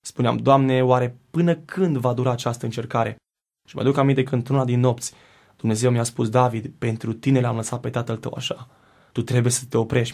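A man, a singer and guest, giving an earnest, reflective faith testimony in a studio interview, pausing and restarting as he recalls. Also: medium pitch, vocal fry, a little mellow.

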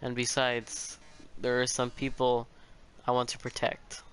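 A man voicing a vain, theatrical killer robot, reading game dialogue in a measured, deliberate way. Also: mid-range voice, completely flat delivery, background noise, close to an everyday voice. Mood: menacing, showy.

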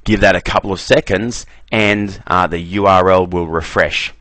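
A man giving a relaxed screen-recorded software walkthrough, often repeating "very, very" as he clicks through menus. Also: deep voice, moderate pace, no echo. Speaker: software trainer.

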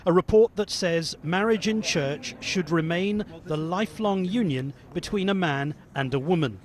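A man's voice: high voice, moderate pace. Man narrating a news report. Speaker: religious affairs correspondent.

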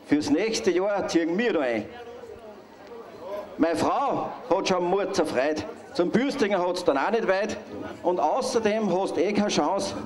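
A man's voice: sits high, a little slow, darkish tone. A man, acting as carnival prince, declaims rhyming verse to a crowd in front of a town hall. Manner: declaiming, demanding. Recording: echoey PA sound outdoors with crowd.

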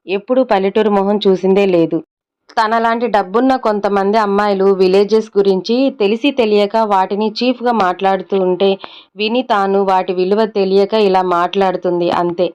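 A woman's voice: medium pitch, a little mellow, clear, resonant tone. A woman narrating a love story in a conversational storyteller manner. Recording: dull lo-fi recording.

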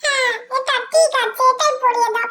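A woman's voice: steady tone, brisk, very noisy. A woman voicing a playful little boy god who whines and giggles about a cold bath, in a doll role-play vlog. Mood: complaining. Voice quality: high childish squeal, giggly. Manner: whiny and pleading, breaking into giggles.

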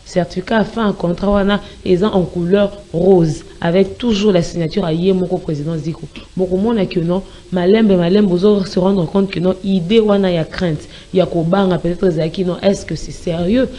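A woman with a Congolese accent, speaking as a spokesperson in an interview and making an emphatic, repetitive promotional pitch. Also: fairly even intonation, normal speed, few pauses, dark tone. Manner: emphatic and repetitive, mixing French and Lingala.

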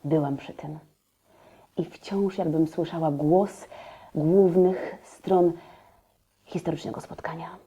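A woman's voice: sits low, steady tone, slow pace, pauses often, mellow, dull audio. An actress playing an earnest 1920s newspaperwoman, recalling events as a witness in reflective, dramatic storytelling for a historical drama. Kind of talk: theatrical historical audio drama.

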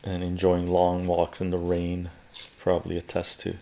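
Brief: older Canadian man, gravelly low voice, laid-back rambling streamer in his living room. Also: moderate pace. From West Coast Canada. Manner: relaxed, rambling, repeats phrases, laughs often. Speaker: live streamer. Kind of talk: casual live-stream chat while peeling garlic. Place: living room at home, indoors.

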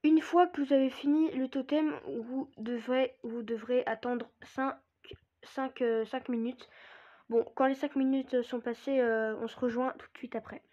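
A woman's voice: high voice, steady tone, measured pace, warm tone. A woman giving a casual gameplay tutorial, hesitant with many fillers and frequent swearing. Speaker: gaming YouTuber. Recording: dull lo-fi recording.

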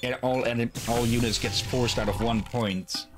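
A middle-aged man giving casual live game commentary, thinking aloud in a halting way as he plays. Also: mid-range voice, fairly even intonation, loud music behind the voice. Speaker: game streamer. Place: small cluttered room at home. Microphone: headset.

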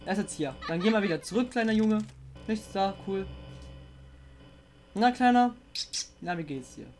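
A woman playing a horror game and commenting, jumpy and excitable, often swearing and coaxing the monster on screen. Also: medium pitch, moderate pace. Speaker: let's player.

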